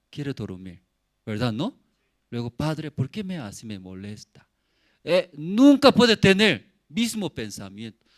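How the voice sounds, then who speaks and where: A man's voice: on the high side, no room sound. A middle-aged man preaching a sermon as pastor, in simple non-native phrasing, repeating words for emphasis and asking the congregation questions. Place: church service.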